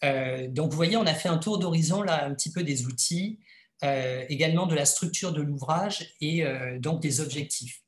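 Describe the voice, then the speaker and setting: Man, fairly high voice, webinar presentation, hesitant with many fillers, echoey room. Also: moderate pace. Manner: hesitant, frequent filler sounds. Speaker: author presenting his book in a webinar.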